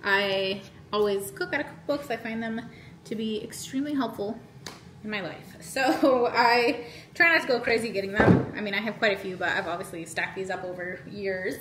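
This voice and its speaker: In her home kitchen, a woman in her thirties cooks and chats casually for her vlog, laughing often. Her voice is mid-range and moderately paced, and the echoey room is noisy with a sizzling pan.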